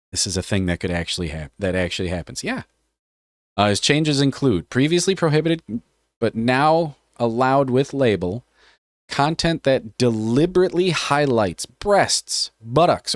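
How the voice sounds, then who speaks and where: A man's voice: mid-range voice, no echo, studio quality. A man streaming live, reading a policy aloud and joking casually with his chat, often swearing. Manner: joking, offhand, swears freely.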